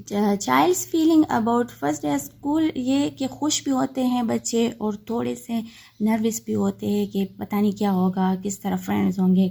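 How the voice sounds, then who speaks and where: A woman teaching a textbook lesson, reading English lines slowly and then explaining them patiently. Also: medium pitch, vocal fry, mellow. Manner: patient, checks in with "okay" often.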